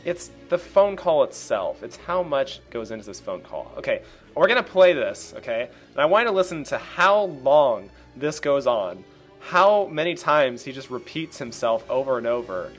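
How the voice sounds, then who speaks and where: A man's voice: mid-range voice, big pitch swings, normal speed, soft background music. Man hosting a joking podcast. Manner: laughing, joking, loose. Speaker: podcast host. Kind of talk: casual podcast chat.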